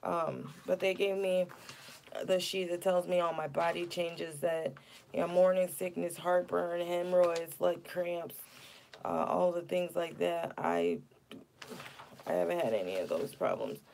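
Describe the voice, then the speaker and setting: A woman's voice: fairly low pitch, measured pace, creaky, a little mellow, slight background noise. A woman in her thirties venting indignantly on a casual livestream, upset and near tears. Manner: indignant, venting, reads chat aloud. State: upset, tearful. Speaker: vlogger.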